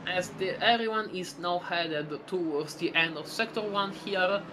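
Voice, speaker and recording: A woman giving live sim racing commentary, chatty and rambling, breaking into excited exclamations. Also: fairly low pitch, a little slow, background noise.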